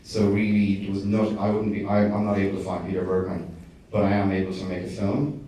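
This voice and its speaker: Speaking fairly quickly in a low, dark, level voice, an Irish director takes audience questions after his documentary screens at a festival. His answers are hesitant, full of fillers and false starts, and the hall sounds distant and echoey with light noise.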